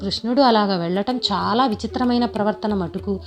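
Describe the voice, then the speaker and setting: Lady reading a family story, even pace, soft music under her. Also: medium pitch, a little fast. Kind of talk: audio story narration.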